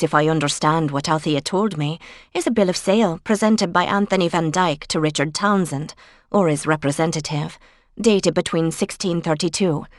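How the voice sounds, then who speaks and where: Brisk, practical woman researcher, as a woman narrator reads her. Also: on the low side, no room sound, clean studio sound, lightly acted. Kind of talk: cozy mystery audiobook dialogue.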